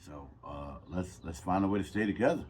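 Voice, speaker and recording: A man co-hosting a podcast, talking in a relaxed, loose, conversational way. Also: deep voice, brisk, slight background noise. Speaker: podcast co-host. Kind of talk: casual chat.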